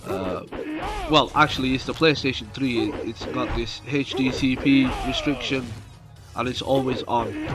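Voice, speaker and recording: With game music underneath, a YouTuber who's getting a cold talks through his play session in a steady, medium-pitched, nasal voice. His commentary is slow, rambling, and full of fillers.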